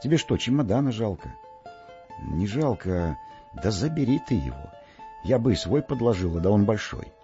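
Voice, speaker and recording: A man reading an audiobook, voicing an indignant middle-aged woman on a train who scolds in a shrill, high voice. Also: sing-song, normal speed, warm tone, dull audio, faint music behind. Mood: indignant scolding.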